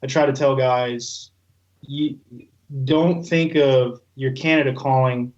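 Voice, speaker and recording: A man's voice: mid-range voice, fairly even intonation, slow, darkish tone, dull audio. A man talking casually as an interview guest, in a rambling, colloquial, conversational way. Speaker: guest, goose calling expert.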